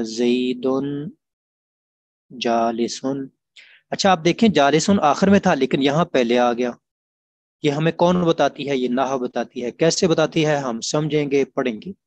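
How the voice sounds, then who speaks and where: A man teaching an online grammar class, explaining patiently and repeating examples slowly. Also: medium pitch.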